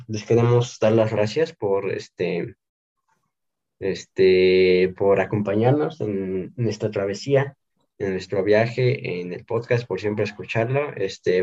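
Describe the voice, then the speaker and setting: A young man with a fairly low voice hosts a student podcast. He talks casually and haltingly, feeling for his words, and the recording sounds dull and lo-fi. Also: a little mellow. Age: young adult. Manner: halting, hesitant, searching for words.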